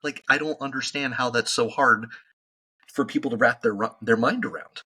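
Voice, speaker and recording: A man's voice: medium pitch, normal speed, pushed and bright, husky, poor audio. A man in a casual podcast conversation, arguing emphatically and throwing out rhetorical questions.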